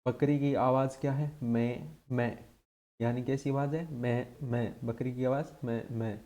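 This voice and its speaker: A man with a dark, mellow voice teaching an exam-prep lesson. He keeps asking short questions and answers each one himself in a steady drilling rhythm. His pitch sits in an ordinary middle range. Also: unhurried.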